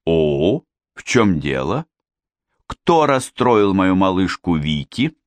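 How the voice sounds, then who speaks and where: A man's voice: low voice, big pitch swings, slow pace, dry recording, heavily acted. A man voicing a smarmy prince who speaks in an unctuous, drawling manner. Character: smarmy, ingratiating foreign prince, middle-aged.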